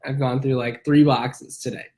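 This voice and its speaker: A man's voice: mid-range voice, little pitch movement, moderate pace, dark tone. Congested man with a nasal cold voice. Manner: frequent "um" fillers, chatty. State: coughing. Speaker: triathlete vlogger; answers viewers' questions. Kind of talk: casual vlog talk.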